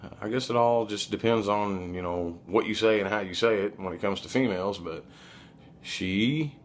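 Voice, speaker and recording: A man's voice: on the low side, normal speed, a little hiss or hum. A man telling personal stories in a casual, rambling, blunt and profane conversational way, like a vlogger. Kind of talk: casual, rambling confessional storytelling.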